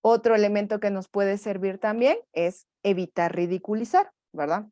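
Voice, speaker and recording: A woman's voice: mid-range voice, animated, moderate pace, dark tone. A woman leads a parenting workshop with a voice in the middle of the usual range. She keeps checking in with tag questions and acts out short parent and child lines with more life. Her voice sounds dry and close, with little room echo. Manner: checks in with the audience through repeated tag questions. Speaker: neuropsychologist leading a parenting workshop. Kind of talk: live workshop talk.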